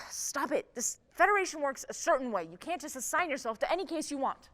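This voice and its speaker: A woman playing a vain, lazy female chief of a cop federation, commanding and brisk in a live stage comedy. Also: high voice, expressive, a bit bright. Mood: stern. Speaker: stage actor. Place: theatre stage. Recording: long reverb of a theatre stage.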